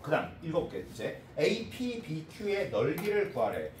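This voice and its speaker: A man teaching a math class in a brisk lecture, working through a problem and checking in with the students often. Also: on the high side, wildly swooping pitch, darkish tone, slight background noise. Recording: echoey room, heard from a distance.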